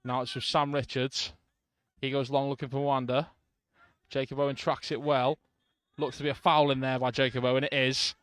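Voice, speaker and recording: A man's voice: medium pitch, normal speed, smooth, no echo. Man calling football from the stands. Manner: calm play-by-play with brief asides to listeners. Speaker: football radio commentator. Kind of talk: live football commentary.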